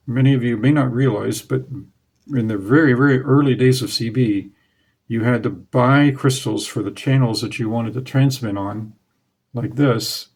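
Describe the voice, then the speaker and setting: On his own radio hobby channel, a forties-aged man speaks casually to the camera from a small indoor room with curtains behind him, recorded on a clip-on lapel mic. His voice is medium-pitched with a darkish tone and a breathy edge. He sounds plain and nostalgic, with the odd filler.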